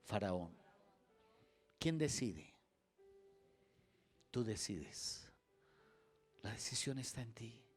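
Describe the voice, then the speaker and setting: A middle-aged man preaching a sermon, telling his own testimony with dramatic swings from hushed to loud. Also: medium pitch, expressive, a little slow, long pauses, husky.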